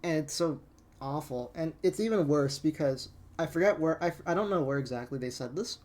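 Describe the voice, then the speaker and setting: A man's voice: on the high side, fairly quick, a little mellow. A man giving a casual, exasperated rant as gaming commentary, incredulous and prone to swearing.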